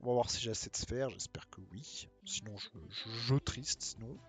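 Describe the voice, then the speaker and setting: A man from France live-streaming a mobile game, chatting casually and joking, and sometimes slipping into halting English with a heavy French accent. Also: medium pitch, soft background music. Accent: heavy French accent when speaking English.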